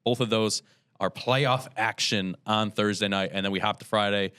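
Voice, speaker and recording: A man hosting a local sports show, brisk and upbeat as he runs through the game schedule. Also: on the low side, steady tone, pushed and bright, smooth.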